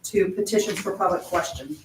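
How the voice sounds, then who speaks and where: A woman's voice: fairly low pitch, brisk. A woman speaking formally as a board member, putting motions and corrections at an official meeting. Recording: echoey room, distant mic, faint noise.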